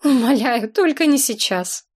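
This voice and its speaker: A woman's voice: high voice, lively intonation, unhurried. A woman voicing a frantic, dramatic young woman who wails and pleads melodramatically. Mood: wailing.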